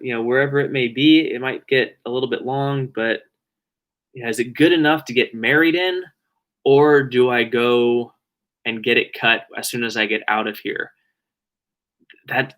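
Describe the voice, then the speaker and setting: A young live streamer rambles while answering viewer questions, correcting himself and letting sentences trail off quietly. His medium-pitched voice is turning raspy from so much talking.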